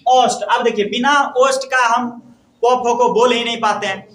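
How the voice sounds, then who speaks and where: High-voiced male teacher in an echoey room. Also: steady tone, moderate pace, fairly bright tone. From India. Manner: asks questions and answers them himself, repeating each point. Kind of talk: classroom grammar lesson.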